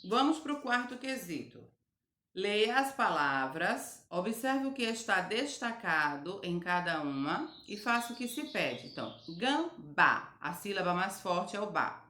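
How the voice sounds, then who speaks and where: Slow, patient woman teacher. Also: medium pitch, expressive, pushed and bright, echoey room. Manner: slow, patient, spelling out each word for children. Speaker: primary school teacher. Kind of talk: recorded remote grammar lesson.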